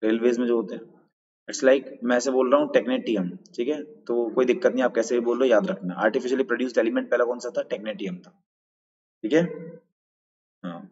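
A man with a medium-pitched, steady, slightly mellow voice talks a little fast and pauses often. He's teaching a live online quiz lesson, walking through answers step by step, greeting viewers in chat and asking them for answers. The audio is dull and lo-fi with long reverb.

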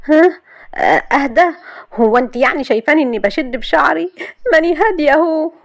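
A woman's voice: high-pitched, fast, no room sound, pitched above the performer's own voice, lightly acted. A woman doing a feisty young bride. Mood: flustered. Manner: mocking, indignant retorts. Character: feisty young Upper Egyptian bride, sharp-tongued. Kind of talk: storytelling. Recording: dry close recording.

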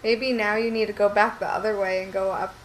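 A woman's voice: medium pitch, little pitch movement, fairly quick, slight background noise, rough recording. A woman co-hosting a casual let's play, cracking dry jokes and asking playful questions about the game. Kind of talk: casual gameplay chat.

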